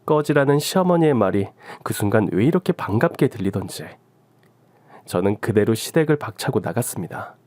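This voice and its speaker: Low-voiced male story narrator. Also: a little fast, no echo. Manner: steady first-person storytelling.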